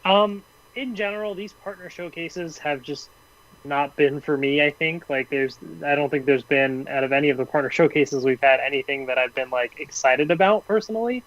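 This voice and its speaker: Higher-voiced man, hedging podcast chat. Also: moderate pace, fairly bright tone. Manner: hedging, thinks aloud with many "I think" and "you know". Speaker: podcast co-host. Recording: dull, muffled sound.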